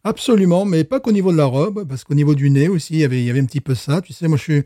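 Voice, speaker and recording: A man's voice: a little high, very fast, warm tone, dry recording, studio quality. A man chatting casually while tasting beer, joking and playing with words between hesitant fillers. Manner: jokey, wordplay, hesitant fillers. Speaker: beer taster. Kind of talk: casual chat.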